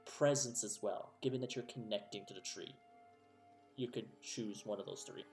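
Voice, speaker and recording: A man running a tabletop role-playing game as game master, narrating scenes and calling for rolls in a measured way. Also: lowish voice, darkish tone, faint music behind.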